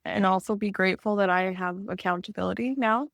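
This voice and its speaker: A medium-pitched, gravelly woman's voice with a steady tone moves a little fast, captured at studio quality with no room sound. She's Canadian, a client in a healing session, chatting candidly and casually in a rambling, self-reflective way and saying "like" frequently.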